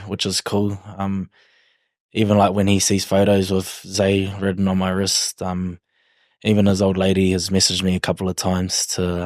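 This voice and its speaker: A broad-accented New Zealander in his twenties, a rugby league player, speaks as a podcast guest in a laid-back, slangy, hesitant way. His voice sits low, recorded dry in clean studio sound.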